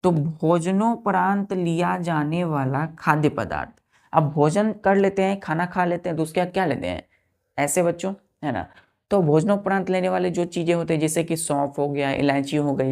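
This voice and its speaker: A woman teaching English vocabulary to exam students. She explains each word slowly and twice, and keeps asking the students questions. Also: low voice, a little mellow. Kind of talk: classroom lesson for exam students.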